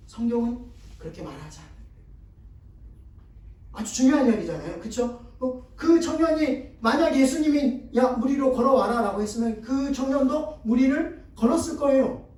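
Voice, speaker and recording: A man preaching a conversational sermon, with a high but mellow voice. He talks with the congregation, asking questions and having them repeat his words. The sound is distant and very echoey, as if caught from far off in a large church hall. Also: lively intonation, moderate pace. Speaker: guest pastor. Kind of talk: sermon seminar. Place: church sanctuary.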